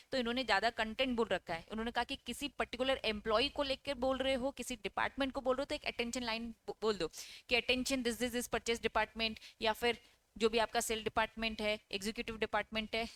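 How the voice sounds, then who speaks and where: A woman with a fairly high, somewhat bright voice teaches an online lecture for exam preparation. Reading English lines from the text, she explains them, asks her students questions only to answer them herself, and checks in often with "okay?".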